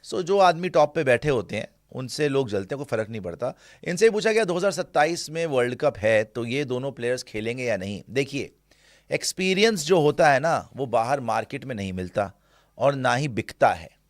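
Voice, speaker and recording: A man's voice: medium pitch, expressive, a little fast, no echo, clean studio sound. A man hosting a casual cricket talk show, blunt and opinionated, mocking critics.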